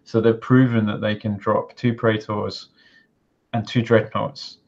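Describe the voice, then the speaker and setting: Animated British man, dull lo-fi audio. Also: lowish voice, unhurried, vocal fry. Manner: animated, profane, playfully indignant. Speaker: podcast co-host. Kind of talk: casual podcast chat.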